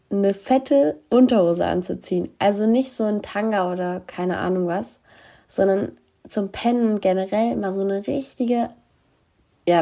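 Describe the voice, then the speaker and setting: A woman's voice: mid-range voice, creaky, mellow. A woman hosting a show, chatting casually and candidly to listeners in a slangy way with English phrases mixed in.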